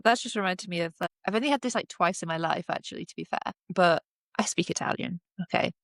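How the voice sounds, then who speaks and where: A woman's voice: fairly low pitch, fast, vocal fry, no echo. A woman co-hosting a podcast, telling stories in casual chat, swearing freely and using many fillers. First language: English. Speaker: podcast co-host.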